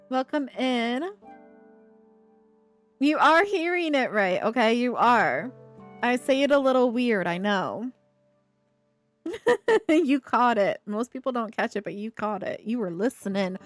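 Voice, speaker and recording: A woman's voice: on the high side, unhurried, faint music behind. Playful woman with a slight Appalachian Ohio lilt. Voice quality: slight speech impediment. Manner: playful, laughs often, chats with viewers. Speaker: streamer. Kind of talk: casual live-stream chat while building.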